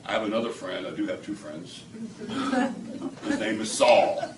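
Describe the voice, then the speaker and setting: A guy with a lowish voice spinning a lively story for a small crowd, recorded far off with background noise. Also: normal speed. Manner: animated storyteller, acts out quoted dialogue, laughs often. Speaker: testimonial speaker at a product demo. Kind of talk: storytelling testimonial to a live audience. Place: indoor room with a small audience. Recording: echoey room from a distance, audible background noise.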